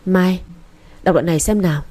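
A woman reading as a calm young man teaching patiently, speaking low and mellow in a storybook reading. He sounds steady, instructive and unhurried. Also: close to an everyday voice. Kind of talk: audiobook dialogue reading.

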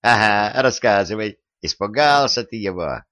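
A man's voice: fairly low pitch, expressive, a little slow, fairly bright tone, no room sound. A man voicing an arrogant, quarrelsome teenage boy in an audiobook, speaking haughtily and sharply. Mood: haughty. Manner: haughty, quarrelsome, raising his voice. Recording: dull lo-fi recording.

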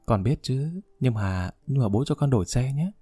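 A man's voice: mid-range voice, expressive, normal speed, mellow, slightly rough, no echo, soft background music. A man voicing a spoiled young daughter who coaxes and teases her father. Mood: wheedling. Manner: coaxing and cheeky.

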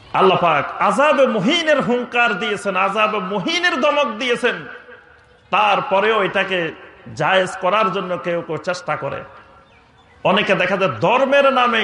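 A man's voice: high voice, pushed and bright, roomy sound. A man preaching a sermon with fiery emphasis, chanting Arabic quotations in a sung tone. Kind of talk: Bengali waz sermon.

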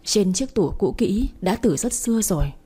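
A woman's voice: medium pitch, expressive, normal speed, mellow, slightly rough. A woman narrating a sad first-person story in a sorrowful, emotional way. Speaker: audiobook narrator.

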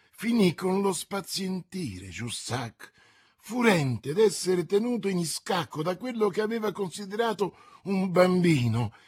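Husky man reading an adventure classic. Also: high-pitched. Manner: theatrical, unhurried, swelling with the action. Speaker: audiobook narrator. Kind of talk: dramatic audiobook reading.

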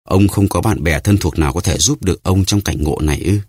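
A man voicing a calm, probing English visitor. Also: low voice, husky, no room sound, studio quality. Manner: measured, steady.

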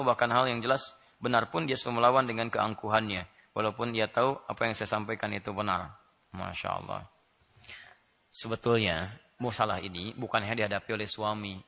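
Male preacher, bright tone, animated, jokey, addresses the crowd directly. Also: on the low side. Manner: animated, joking with the audience, rising to loud laughing emphasis. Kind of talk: Islamic sermon.

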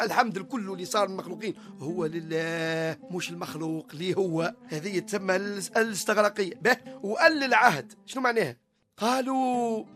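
A Tunisian man gives a religious lesson on the radio in a notably high voice. He explains patiently and poses questions to his listeners, then answers them himself. Soft music sits faintly behind him. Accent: Tunisian Arabic. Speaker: religious teacher.

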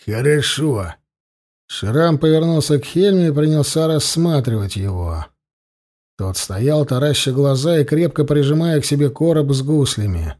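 A man narrating an audiobook in a measured, expressive storytelling manner. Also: fairly high pitch.

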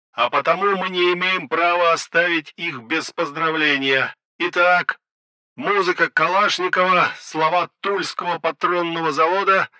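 A man's voice: a little high, sharp tone, pitched above the performer's own voice. Man putting on a sneering commandant over a crackling radio. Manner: sarcastic mock-official announcing. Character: mocking male garrison commandant. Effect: voice over a crackling radio set. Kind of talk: audiobook narration.

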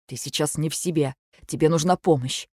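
A woman voicing a worried young husband who speaks softly, low and insistently. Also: brisk, husky, no room sound, clean studio sound. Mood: firm. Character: worried young husband, gentle but firm.

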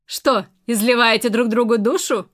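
A woman's voice: fairly high pitch, steady tone, moderate pace, natural voice. A woman reading the part of a scornful, domineering aunt who mocks the people she talks to. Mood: mocking. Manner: mocking, scornful. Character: sharp-tongued older aunt, mocking and domineering.

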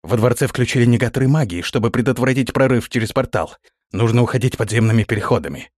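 A man's voice: mid-range voice, quick pace, dry recording, clean studio sound, close to an everyday voice. A man doing a stiff, dutiful guard officer. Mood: dutiful, formal. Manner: formal, steady, rule-bound address.

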